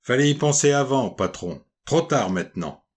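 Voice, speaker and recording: A man's voice: mid-range voice, animated, normal speed, breathy edge. A man voicing a sullen young African housemaid. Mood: sullen, guarded. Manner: curt, clipped colloquial phrasing.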